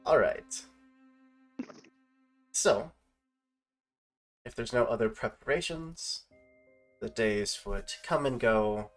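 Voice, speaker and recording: A man's voice: mid-range voice, animated, slow, pauses often, a bit bright, faint music behind. A man running a tabletop game as game master, describing scenes with hesitant restarts. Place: online stream with players.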